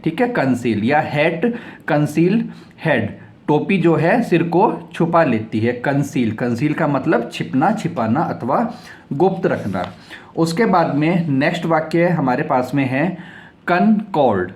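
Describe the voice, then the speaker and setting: A man's voice: on the high side, expressive. A man teaching English vocabulary, explaining each word, spelling it out letter by letter and repeating it several times. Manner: spells words out letter by letter and reads example sentences slowly. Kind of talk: vocabulary lesson.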